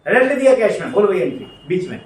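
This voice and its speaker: A man's voice: high voice, big pitch swings, fast. A man teaching accounting to a class, drilling students to repeat entries and scolding them in a familiar, coaxing way. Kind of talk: classroom lecture. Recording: echoey room, distant mic, faint noise.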